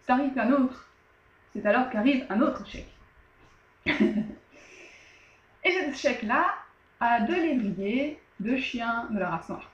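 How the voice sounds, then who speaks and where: A woman's voice: fairly high pitch, expressive, takes it slowly, pauses often. A woman tells an old tale in a loose, chatty way, full of fillers and little asides. Her voice sits in a roomy space and the sound is a bit dull, like a home recording. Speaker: storyteller. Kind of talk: casual spoken retelling of a tale.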